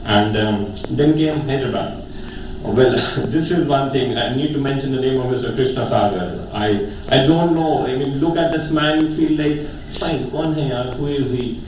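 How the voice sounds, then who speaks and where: A man's voice: mid-range voice, moderate pace, darkish tone. A man with a North Indian accent gives an informal, earnest personal speech as a surgeon, emphatic and often repeating phrases. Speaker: eye surgeon giving a testimonial speech. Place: echoey hall. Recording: very echoey hall, distant mic, faint noise.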